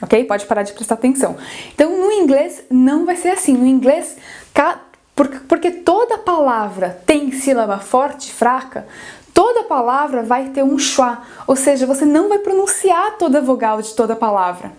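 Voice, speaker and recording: A woman's voice: sits high, expressive, normal speed, a little mellow. A woman teaching English pronunciation in an online lesson, explaining step by step and checking in with a frequent "ok?". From Brazil.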